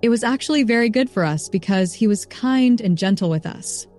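A woman's voice: a little high, animated, fairly quick, a little mellow, faint music behind, close to an everyday voice. A woman voicing a meek, obedient young serving woman in a castle. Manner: meek, deferential.

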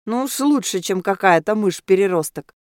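A woman voicing a sharp-tongued teenage girl dressed as a butterfly, who grumbles sullenly. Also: medium pitch, animated, moderate pace, no room sound, clean studio sound, lightly acted. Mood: sulky.

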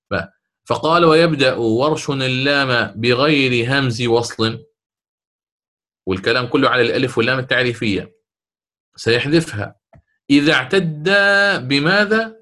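A man, a sheikh, explaining a recitation poem in a lesson, chanting the verses slowly and checking his listeners with quick questions. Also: mid-range voice, bright, forceful tone. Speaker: sheikh teaching Quranic recitation.

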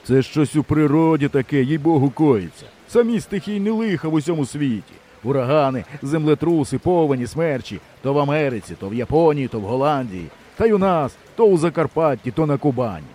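A man's voice: a little high, expressive, brisk, hardly any pauses, warm tone, slight background noise, close to an everyday voice. A man reading an audiobook voices a chatty village man who grumbles in a conversational way. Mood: grumbling.

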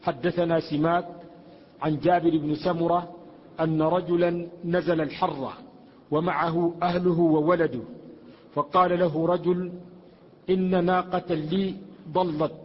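A man's voice: a little high, flat delivery, a little slow. Man reading a text aloud in an echoey hall. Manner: careful recitation with restarts on hard words. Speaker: student reader. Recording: echoey hall, muffled lo-fi recording.

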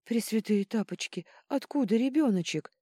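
A woman voicing a distressed young princess who pleads in a high voice. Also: little pitch movement, moderate pace, dark tone, dry recording, studio quality, close to an everyday voice. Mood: frightened.

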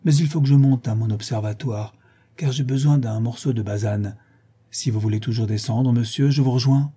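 A man's voice: mid-range voice, moderate pace, dark tone, husky, close to an everyday voice. A man voicing a nosy, self-important old male porter who talks in a prim, fussy way. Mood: gossipy. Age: older.

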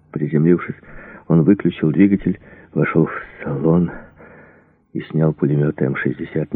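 Man, very deep voice, husky, audiobook narration, steady, tinny narrow sound. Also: no echo. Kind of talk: scripted narration.

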